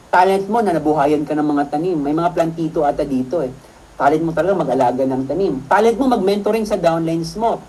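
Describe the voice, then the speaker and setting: A man's voice: high-pitched, a little mellow, rough recording. A man mentoring a seminar audience in a chatty motivational talk, often checking in with the room and laughing through his own stories. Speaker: network marketing mentor.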